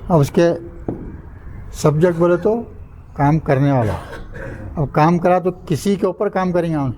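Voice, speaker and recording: An older man from India teaches Arabic grammar in a mosque classroom, questioning his class and drilling word patterns syllable by syllable. His voice is mellow and fairly high, and the rough recording carries some room hum.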